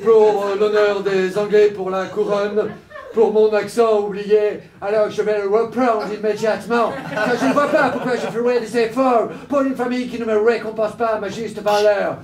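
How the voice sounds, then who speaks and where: A man's voice: sits high, normal speed, recorded from a distance, a crowd in the background, lightly acted. A man playing a pompous fake-English manservant. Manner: fussy and pompous, stage improv. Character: fussy male servant posing as an Englishman. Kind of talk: improvised vaudeville stage acting. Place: theater stage before a live audience. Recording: echoey stage miked from afar with audience.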